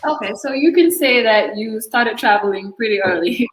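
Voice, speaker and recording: A woman's voice: a little high, animated, normal speed, slight background noise. Woman hosting an interview, echoey sound. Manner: friendly, questioning, with fillers. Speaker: host.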